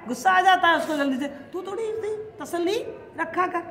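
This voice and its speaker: A woman reading a gentle, kindly older village matriarch in a soft, soothing voice. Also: very high-pitched, normal speed, voice pushed up. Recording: echoey room with long reverb, faint hiss.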